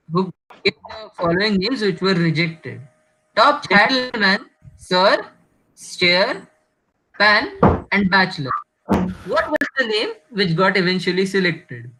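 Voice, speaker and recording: A man with an Indian accent hosting an online quiz over a video call. His audio is glitchy and corrupted, and it keeps breaking up and cutting out as he reads each question slowly. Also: high-pitched, expressive, bright, forceful tone, slight background noise, rough recording. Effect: glitchy, corrupted audio that breaks up and cuts out. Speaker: quizmaster.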